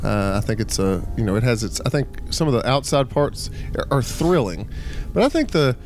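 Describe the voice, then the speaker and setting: Man, podcast host, animated pitch, laughs easily, faint music behind. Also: moderate pace. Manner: lively, laughs often, leads the discussion. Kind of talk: casual chat.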